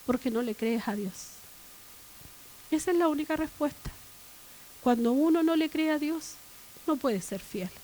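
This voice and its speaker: High-voiced woman preaching a sermon. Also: expressive, measured pace, long pauses, rough recording. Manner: rising to loud emphatic repetition. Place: church.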